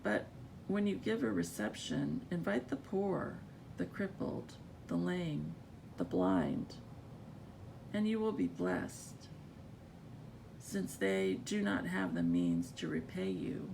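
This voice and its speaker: A woman's voice: very animated, slow pace. A woman with a groggy, just-woke-up morning voice, reading scripture aloud in an informal way. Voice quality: gravelly, creaky. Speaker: scripture reader. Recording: rumbly background noise.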